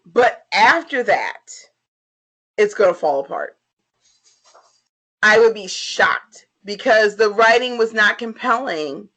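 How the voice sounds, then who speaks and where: On a rough recording, a woman with a medium-pitched, fairly bright voice co-hosts a podcast. She's tipsy and getting drunker, cursing freely and hammering her opinions home by repeating them during a casual review chat.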